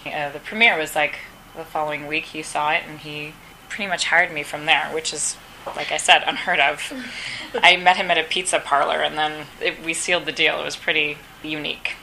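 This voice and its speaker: Actress, female, low register with a bright, forceful edge; chatty interviewee who acts out quoted lines. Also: fairly even intonation, a little fast, gravelly, a little hiss or hum, poor audio. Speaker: actress interviewed at a press round table. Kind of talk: casual interview answers. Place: press round table.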